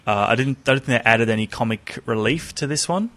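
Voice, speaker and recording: A man's voice: medium pitch, fast talker, fairly bright tone, a little hiss or hum. A man chatting casually as a podcast co-host, rambling through asides and self-corrections. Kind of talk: casual chat about films.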